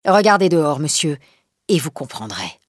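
A sneering, scheming male killer from a storybook, as a woman reader puts him on, menacing and scornful. The voice is low, husky and close, with lively swings in pitch. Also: moderate pace, dry recording. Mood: sinister.

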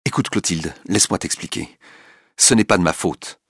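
A man voicing an ambitious young man who stammers when cornered and flatters women, in a storybook reading. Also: deep voice, moderate pace, breathy edge, no echo, studio quality. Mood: pleading, flattering.

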